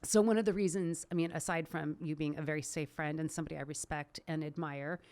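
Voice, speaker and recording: A woman hosting a podcast, chatting casually with a friend. Her voice sits low for a woman, and she laughs often and talks with animation. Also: steady tone, quick pace, a little mellow, no room sound. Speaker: podcast host. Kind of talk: casual conversation.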